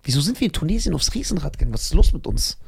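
A man co-hosting a podcast, telling stories in casual chat and swinging between loud outbursts and quiet asides. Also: a little high, sing-song, rapid-fire, vocal fry, breathy edge. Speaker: podcast co-host.

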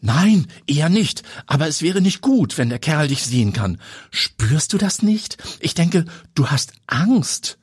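A strict, wary woman gives firm advice in a raised, airy voice, acted by a male narrator. The voice is very husky and breathy and moves a lot in pitch. It is recorded close and dry. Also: big pitch swings, measured pace, dry recording, exaggerated voice. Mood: warning. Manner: stern, instructive.

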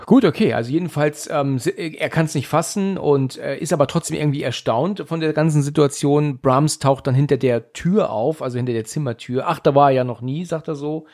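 A man's voice: on the high side, a little fast, hardly any pauses, a little mellow. A man casually retelling a film's plot, talking loosely with many fillers and restarts. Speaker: podcast host recapping a film. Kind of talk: casual film discussion.

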